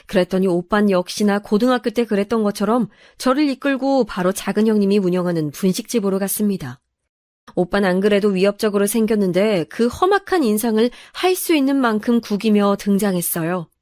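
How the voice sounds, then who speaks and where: A woman's voice: mid-range voice, lively intonation, fairly quick, darkish tone, dry recording, clean studio sound. A woman narrating a true first-person family story, in an aggrieved, confiding manner.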